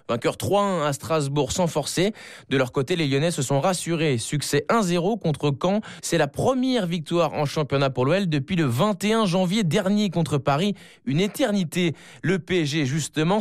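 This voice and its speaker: A man's voice: on the high side, dry recording, clean studio sound. Punchy man reading a sports report. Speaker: sports journalist.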